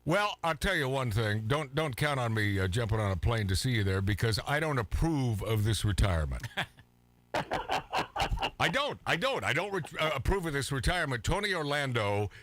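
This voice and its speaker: A man's voice: medium pitch, big pitch swings, moderate pace, a bit bright, no echo. A man hosting a radio show, joking and teasing his guest. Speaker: radio host. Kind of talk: radio interview.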